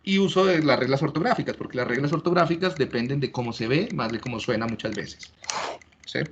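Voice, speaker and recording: A man's voice: mid-range voice, lively intonation, brisk, dull audio, noisy background. A man giving a classroom lecture, explaining step by step and often checking that listeners follow. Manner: explanatory, checks understanding with frequent rhetorical questions.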